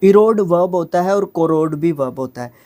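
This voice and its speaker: A man's voice: on the high side, animated, darkish tone. Brief: male tutor, vocabulary lesson, patient, keeps checking in with the class, breaks words into syllables. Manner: explains patiently with constant tag questions; sounds out words slowly by syllable. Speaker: English teacher.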